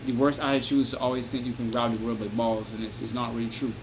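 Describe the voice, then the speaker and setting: A Barbadian-accented vlogger gives casual advice straight to camera in a middling pitch, talking fast and loosely. He rambles, circles back, restarts often and keeps asking "you understand me?", while a steady hiss and air-conditioner hum run underneath.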